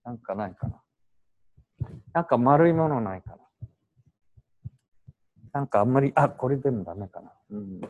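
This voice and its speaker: Guy teaching a language class, mixes in english words, lively bouncy delivery. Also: medium pitch, normal speed, long pauses, highs cut off. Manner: animated, explains with examples and short English glosses. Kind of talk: classroom lecture mixing Japanese and English.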